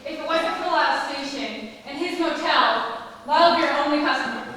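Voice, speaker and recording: A persistent young waitress, played by an actress, teases and prods in a high voice. The sound comes from far off in a large echoing hall with a faint hiss. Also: female voice, moderate pace, sharp tone. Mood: teasing. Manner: needling, coaxing, dryly teasing. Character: young female night waitress, teasing and persistent. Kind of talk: stage play performance. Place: theatre stage.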